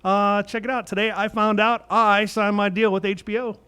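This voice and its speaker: High-voiced rambling stand-up host. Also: male voice, level tone, normal speed, sharp tone, clean tone. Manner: rambling, loose audience banter. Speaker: host comedian. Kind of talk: stand-up comedy. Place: comedy club stage.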